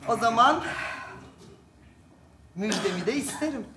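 Playful teasing wife, sing-song lively voice, live sketch comedy, roomy stage. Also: female voice, fairly high pitch, measured pace. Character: teasing wife bragging about her boyfriend. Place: theater stage with live audience. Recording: echoey stage with faint noise.

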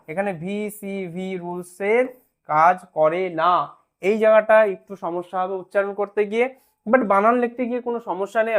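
An English spelling teacher giving an online lesson, patiently sounding words out syllable by syllable and often checking that students follow. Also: medium pitch.

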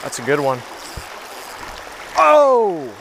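A teenage boy vlogging a fishing trip by a creek, chatty and excited, filmed on an action camera outdoors. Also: a little high, extremely slow, gravelly, background noise. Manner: excited, chatty, says dude a lot. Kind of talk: casual outdoor vlog narration.

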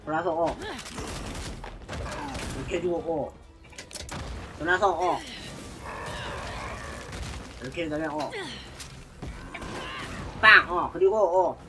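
A man streaming a game live, talking himself through each move and yelling at enemies, with many filler sounds. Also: a little high, takes it slowly, pauses often, noisy background. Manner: talks to himself while playing, shouts at enemies; frequent filler sounds between actions. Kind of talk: live gameplay commentary.

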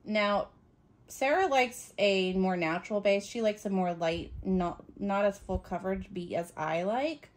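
A woman's voice: medium pitch, a little slow. A young woman chatting casually while doing her friend's makeup, laughing often with plenty of ums. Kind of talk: casual chat.

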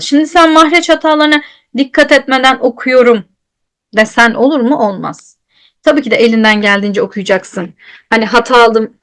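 High-voiced woman teaching recitation. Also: fairly bright tone. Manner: explains patiently, asks and answers her own questions; slows down to demonstrate letter sounds. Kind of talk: online tajweed lesson.

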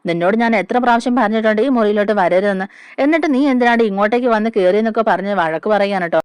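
A woman's voice: medium pitch, quick pace, clear, resonant tone, dry recording, studio quality, close to an everyday voice. A woman voicing a hot-tempered young woman who harshly scolds a child, in a storybook retelling. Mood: angry scolding.

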